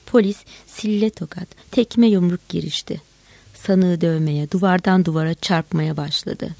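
A woman reading a story aloud at an unhurried pace, pausing now and then to correct herself. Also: lowish voice, fairly even intonation, creaky, mellow, no room sound.

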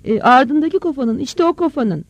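A narrator voicing a rough, hot-tempered village farmer who shouts and scolds gruffly in an audiobook story. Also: sits high, animated, moderate pace, no room sound, pitched above the performer's own voice. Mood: shouting. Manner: gruff, calls out loudly. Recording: dull, dry close recording.

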